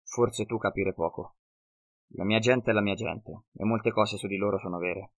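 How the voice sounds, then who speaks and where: A man voicing a cunning half-blood northern wanderer who speaks slow, broken, ungrammatical sentences in an audiobook. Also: fairly low pitch, steady tone. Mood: cunning, earnest.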